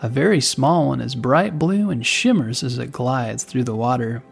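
A man narrating a scripted guided relaxation in a soothing, unhurried way, with pauses between phrases. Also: medium pitch, creaky, husky. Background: music bed.

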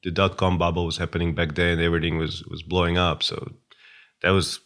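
Man, 40s, very low pitch, hesitant, casual interview. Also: little pitch movement, fairly quick, fairly bright tone. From Russia. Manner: hesitant, many fillers and restarts. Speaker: guest.

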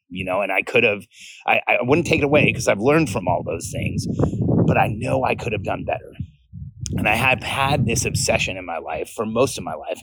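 Low-voiced man podcasting from his backyard. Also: fairly bright tone, slightly rough, no room sound, rough recording. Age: 40s. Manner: talking casually from a backyard; earnest, repeats phrases for emphasis. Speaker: podcast host. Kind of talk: informal solo podcast monologue. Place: outdoors in a backyard by a pool.

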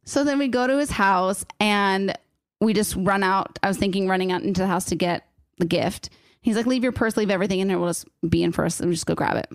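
Recorded dry with studio quality, this clip features a woman in her thirties whose medium-pitched voice is clear and resonant, and a little fast. Chatting casually, she rambles with plenty of emotion and uses "like" constantly.

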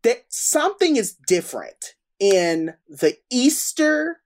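A woman's voice: on the high side, big pitch swings, slow pace, darkish tone. A woman co-hosting a podcast, chatting casually and calling her friend "baby" and "girl". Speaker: podcast co-host. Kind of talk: casual chat.

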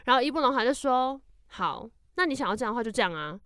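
A woman hosting a podcast, retelling a folk tale in casual, animated, jokey chat. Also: a little high, fast, clear, resonant tone, no echo, clean studio sound. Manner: animated, jokey, laughs often. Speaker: podcast host.

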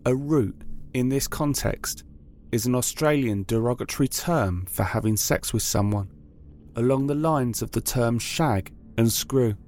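A man's voice: mid-range voice, unhurried, a little mellow. A man reading scripted true-crime narration in a formal, factual manner.

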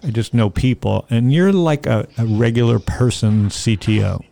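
Gravelly, mellow-voiced rambling interviewer man. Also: mid-range voice, expressive, normal speed. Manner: rambling, loose questions with restarts. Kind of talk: casual interview chat.

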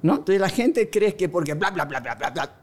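A woman's voice: lowish voice, sing-song, normal speed, darkish tone. A woman guest explaining relationship communication in a casual conversation, often asking rhetorical questions.

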